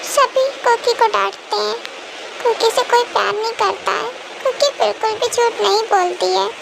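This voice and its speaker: A clingy, childlike young wife begs and pleads in babyish talk, as a woman puts her on. Her voice is very high with some gravel in it. The homemade recording is noisy. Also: steady tone, moderate pace, heavily acted. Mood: sulky. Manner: pleading, babyish talk about herself by name.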